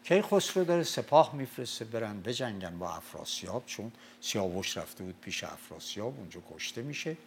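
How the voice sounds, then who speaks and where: This creaky, fairly low voice belongs to an older Mazandarani storyteller from Iran who relaxes into explaining Shahnameh epics, lecture-style. He switches between plain talk and slow, loud recitations of verse, with slight background noise behind him.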